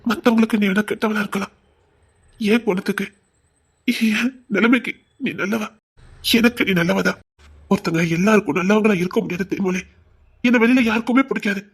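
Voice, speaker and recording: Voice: mid-range voice, steady tone, brisk, pauses often, slightly rough. A performer playing a remorseful, short-tempered husband in an audio drama, apologetic and pleading, with a Tirunelveli Tamil accent. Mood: reassuring.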